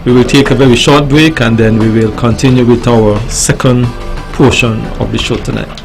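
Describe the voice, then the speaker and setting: A man's voice: medium pitch, steady tone, creaky, music in the background. A man with a Caribbean accent hosting a radio talk show in a courteous, formal way. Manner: courteous, formal, deliberate phrasing. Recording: faint background noise.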